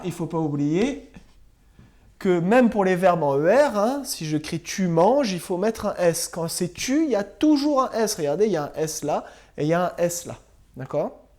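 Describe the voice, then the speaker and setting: A primary school teacher recording a lesson for pupils at home, speaking slowly and spelling words out letter by letter. The voice is mellow and rather dark, with a lively, rising and falling tune as they check again and again that everyone follows. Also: medium pitch.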